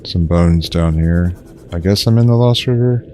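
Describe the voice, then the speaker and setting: A young man rambles in a low-key monotone while streaming a survival game, full of fillers and restarts. He talks at a normal speed.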